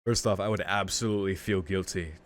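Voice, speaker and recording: A video game streamer doing a playthrough of a visual novel, this man reads the text aloud dramatically and reacts in casual, slangy speech. His deep voice holds a steady tone at a brisk pace, with studio quality and no echo. Game music plays behind him.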